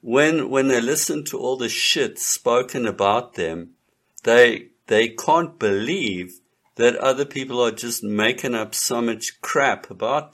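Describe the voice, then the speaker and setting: A man's voice: mid-range voice, fairly bright tone. A man delivering a lecturing monologue in an emphatic, repetitive and contemptuous manner.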